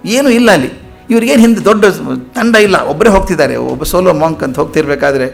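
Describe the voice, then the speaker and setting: Gravelly-voiced man telling stories. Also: high-pitched. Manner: lively storyteller acting out quoted voices. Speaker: motivational speaker. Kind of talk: storytelling lecture.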